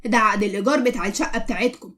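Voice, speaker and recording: A woman's voice: mid-range voice, very fast, a bit bright, pitched below the performer's own voice, natural voice. A woman with an Egyptian accent voicing a kindly, pious older widowed landlady who speaks tenderly. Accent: Egyptian Arabic.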